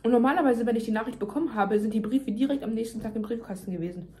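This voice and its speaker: A woman's voice: a little high, very fast, warm tone. A young woman venting emphatically in casual chat to her viewers, talking while chewing. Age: young adult. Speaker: vlogger. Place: home kitchen, indoors.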